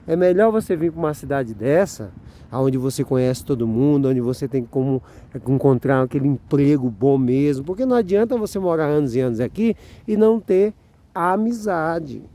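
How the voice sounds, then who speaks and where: A man's voice: high-pitched, mellow. A middle-aged man with a Brazilian Portuguese accent, talking to viewers in a rambling, chatty vlog. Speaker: vlogger. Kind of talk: casual vlog chat.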